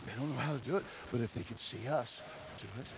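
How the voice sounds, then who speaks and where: A man's voice: medium pitch, fast talker, background noise. A man preaching a sermon as a pastor, exhorting his congregation with repeated key phrases and calls for amens. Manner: swings from quiet talk to loud emphatic cries. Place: church sanctuary during a service.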